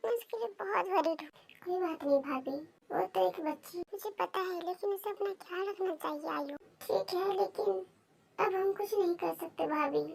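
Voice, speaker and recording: A caring but bossy sister-in-law who runs the house with firm, motherly orders, as a woman reader puts her on. The voice is very high and gravelly, in a storybook reading. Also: moderate pace, a little mellow, poor audio. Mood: worried.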